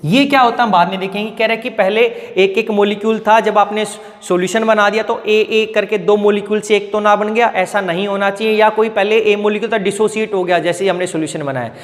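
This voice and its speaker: A man teaching a chemistry lesson, mixing Hindi explanation with English terms and slowing down to dictate key phrases word by word. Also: high voice, fairly even intonation, in a large hall. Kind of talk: classroom lecture, dictating notes.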